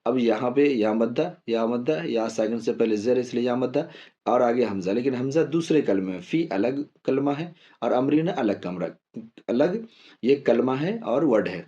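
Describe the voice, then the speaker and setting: A man teaching Quran reading, who explains each rule calmly and spells the syllables out slowly, repeating them and drawing the vowels long. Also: mid-range voice, lo-fi sound. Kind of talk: step-by-step spelling lesson.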